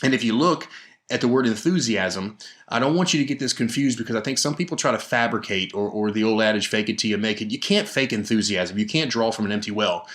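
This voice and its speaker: A man's voice: lowish voice, lively intonation, fast talker, fairly bright tone. A man hosting a solo sales podcast, speaking into a microphone with emphatic energy, frequent restarts and rhetorical questions. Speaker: podcast host and sales trainer. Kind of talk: solo podcast coaching talk. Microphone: studio microphone.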